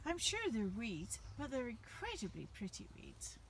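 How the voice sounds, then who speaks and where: A woman chatting gently to her viewers while walking her dogs outdoors through woods by a river. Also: on the high side, huge pitch swings, moderate pace, slight background noise. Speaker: vlogger. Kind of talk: casual walking vlog narration.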